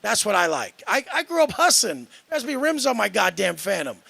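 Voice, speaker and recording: A man's voice: high-pitched, very animated, fairly quick, creaky, bright, forceful tone, no room sound. A man ranting in a brash, boastful way, profane and dismissive of others. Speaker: fitness influencer in a clip.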